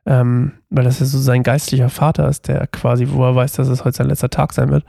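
A man's voice: mid-range voice, flat delivery, brisk, gravelly, mellow, dry recording, clean studio sound. A man reading a Bible passage aloud and then commenting on it in a loose, casual way, with small slips and restarts. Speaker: Bible reading podcast host.

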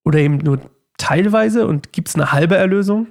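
A man's voice: high-pitched, normal speed. A man hosting a daily Bible study show, reading scripture aloud and then talking it through in a rambling, chatty way full of fillers. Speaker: Bible study podcast host. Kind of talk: casual Bible commentary.

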